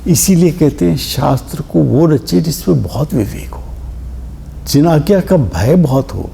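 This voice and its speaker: A man giving a scripture discourse in a hall, explaining slowly with examples and stressing key words. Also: on the high side, animated, vocal fry, warm tone. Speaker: scripture teacher.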